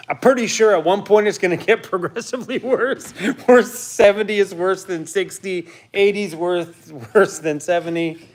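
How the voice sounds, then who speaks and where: On a laid-back live stream, a man from Canada in his fifties rambles through viewer comments at a moderate pace, hardly pausing. Now and then he turns to his dog with a high, coaxing voice.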